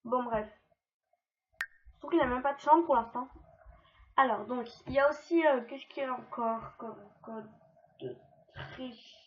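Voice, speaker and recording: A woman's voice: high voice, unhurried, long pauses. A woman explaining game cheat codes in a casual, rambling let's-play, full of fillers and self-deprecating asides. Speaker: gaming video creator. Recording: dull lo-fi mic with faint noise.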